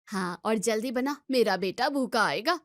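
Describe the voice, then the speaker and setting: A woman's voice: on the high side, expressive, normal speed, dry recording, clean studio sound, voice pushed down. Woman doing a stern scolding mother-in-law. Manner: curt, scolding, taking her son's side. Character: stern middle-aged mother-in-law, sharp-tongued and scolding. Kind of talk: storybook voice acting.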